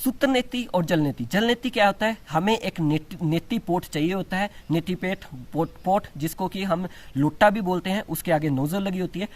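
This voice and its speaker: High-voiced man teaching yoga. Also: normal speed, few pauses. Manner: explains step by step with frequent restarts, mixing in English terms; demonstrates exercises while talking. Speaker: yoga instructor. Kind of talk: instructional demonstration.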